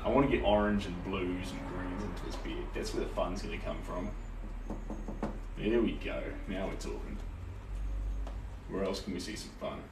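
This is a deep-voiced young man from Tauranga, New Zealand, who speaks at a moderate pace with long pauses while painting on a livestream. He's relaxed and encouraging, reading out comments from viewers in his small indoor art studio. The recording comes from a camera or phone a few steps back, so it sounds roomy and distant, with a faint hiss.

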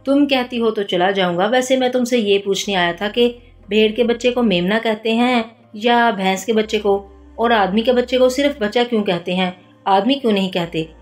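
A playful young detective teases in a mock-innocent tone, as a woman reader voices him. He sounds mischievous rather than serious. Soft music runs under the reading. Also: fairly high pitch, moderate pace, natural voice.

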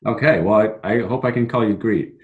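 A man in his thirties, a town manager who hosts a talk show, conducts a video call interview over a laptop webcam from a home room with framed pictures on the walls. His voice is lowish and fairly quick, and the audio sounds narrow and tinny. He comes across as friendly and thankful, with small hesitations.

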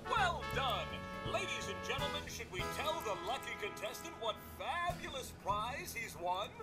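A man's voice: very high-pitched, big pitch swings, moderate pace, rough recording. An actor voicing a chipper male robot game-show host with showy announcer patter. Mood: showman. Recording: game audio with loud music.

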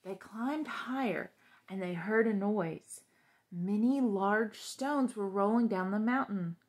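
Her mid-range, darkish voice moves slowly as she reads a children's story aloud indoors on a couch in a small living room. The young adult storytime reader adds simple explanations for young listeners.

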